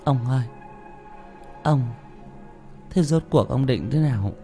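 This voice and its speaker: A man's voice: mid-range voice, lively intonation, normal speed, a little mellow, faint music behind, close to an everyday voice. A man voicing a worried old wife who frets and stammers. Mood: anxious. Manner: fretful, stammering.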